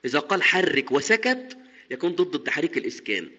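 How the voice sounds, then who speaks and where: A man teaching a lesson on Quran recitation, explaining each point step by step, repeating key terms and chanting quoted verses slowly. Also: a little high, sing-song, pushed and bright, big-room sound, lo-fi sound.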